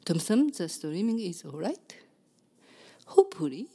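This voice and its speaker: A woman with a Kansai accent hosts a community radio show from the studio. Her voice is a bit hoarse, and she talks in a chatty, filler-filled way, laughing often. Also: on the low side, very animated, measured pace, mellow. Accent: Kansai Japanese. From Kansai, Japan. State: slightly hoarse voice.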